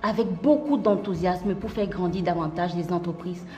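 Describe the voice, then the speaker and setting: A woman playing a new company boss who speaks in a formal, measured way, in comic soap-opera acting. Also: on the low side, over music, lightly acted. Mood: composed.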